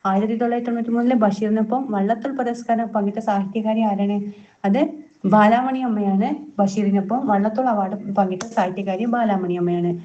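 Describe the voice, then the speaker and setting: Woman tutor running quiz drills, repeats each answer; warm tone, muffled lo-fi sound. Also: mid-range voice, fairly even intonation, fast talker. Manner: repeats each answer, self-corrects with fillers. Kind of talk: reading out quiz questions and answers.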